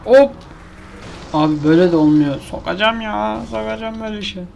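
A man's voice: high-pitched, moderate pace, gravelly, darkish tone, slight background noise. A man giving casual commentary over his own gameplay, exasperated and complaining to himself as he keeps failing. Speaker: gaming YouTuber.

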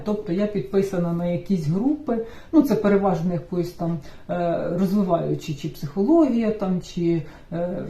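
A woman talking casually about her life in a personal vlog, relaxed and chatty, with fillers and restarts. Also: mid-range voice, roomy sound, recorded from a distance. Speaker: vlogger.

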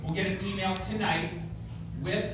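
A man's voice: high-pitched, fairly even intonation, normal speed, a crowd in the background. Distant male announcer addressing a banquet room. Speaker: club announcer.

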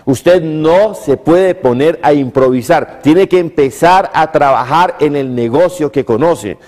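A man's voice: on the high side, a little slow, a little mellow. A Colombian man in his fifties giving an emphatic motivational business lecture to camera, teaching through rhetorical questions and repeated phrases. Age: 50s. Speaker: motivational speaker and TV presenter. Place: living-room style TV studio set, indoors. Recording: reverberant echoey room.

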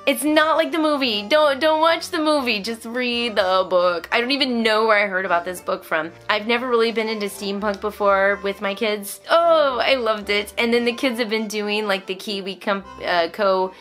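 Indoors in a small, furnished room, this woman in her thirties or forties talks to camera in a lively, conversational way, interrupting herself as she reviews things. She's a vlogger and homeschooling mother whose mid-range voice moves at normal speed with few pauses over soft background music.

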